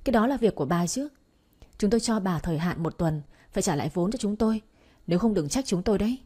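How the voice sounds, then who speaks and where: A woman's voice: mid-range voice, lively intonation, fast, dark tone, slightly rough. A woman voicing harsh women creditors who curtly demand their money back and threaten in an audio story. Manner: curt, threatening.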